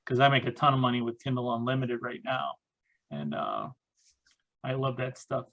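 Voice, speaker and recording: A man chatting casually on a podcast, pausing often with "uh" and "um". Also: mid-range voice, low-quality recording. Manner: hesitant, many "uh" and "um" fillers. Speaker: podcast co-host and author. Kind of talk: casual chat.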